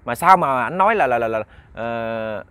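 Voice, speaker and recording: A man's voice: mid-range voice, lively intonation, moderate pace, fairly bright tone, clear, resonant tone, no room sound, pitched below the performer's own voice, natural voice. A man voicing a worried, hot-tempered old village man who pleads and stammers. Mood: alarmed. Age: older. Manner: pleading, then agitated and stammering.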